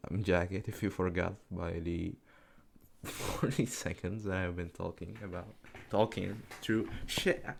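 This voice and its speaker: An eighteen-year-old gaming YouTuber whose first language is Czech rambles unscripted over gameplay. His voice is deep with vocal fry, and he's self-deprecating, swearing and laughing a lot.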